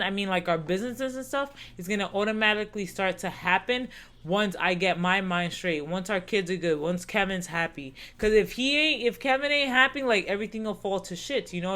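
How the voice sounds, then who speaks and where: A woman in her thirties co-hosts a casual podcast chat, speaking earnestly and reflectively and often repeating herself. Her voice is medium in pitch and a little bright.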